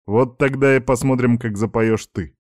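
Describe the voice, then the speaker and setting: A man's voice: medium pitch, fairly even intonation, normal speed, darkish tone, no echo, studio quality, pitched above the performer's own voice, close to an everyday voice. A man voicing a cheeky, defiant teenage schoolboy who mocks his father. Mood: sarcastic. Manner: mocking, defiant.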